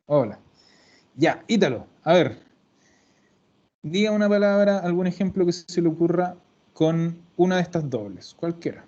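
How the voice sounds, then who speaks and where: A man teaching an online Italian class, explaining slowly and patiently to his students. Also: high-pitched, animated, a little mellow. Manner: slow, patient explaining, addresses students formally. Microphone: video call. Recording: dull lo-fi video call audio.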